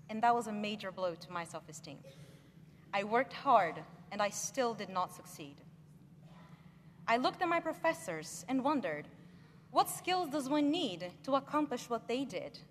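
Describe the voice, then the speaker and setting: A young woman from Brazil gives an earnest, measured commencement speech as graduate speaker, leaning on key words. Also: a little high, sing-song. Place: large ceremony hall. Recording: echoey hall with faint ambient noise.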